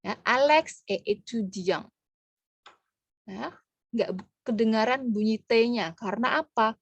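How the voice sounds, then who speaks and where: A woman's voice: on the high side, expressive, slow, no room sound. A woman teaching French pronunciation in an online lesson, patiently breaking words into syllables.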